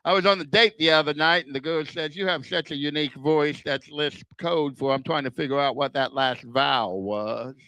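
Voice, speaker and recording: An older male stand-up comedian performs a routine in a fairly high, bright voice, deliberately setting up self-deprecating punchlines. A heavy lisp slurs his words and whistles on wet S sounds, as if he lacked front teeth. The low-quality sound is close and dry, with no room sound.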